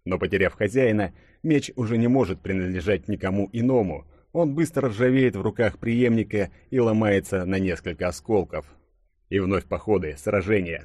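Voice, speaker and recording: Brief: male audiobook narrator, low voice, dramatic measured delivery, dry close sound. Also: a little mellow, no room sound.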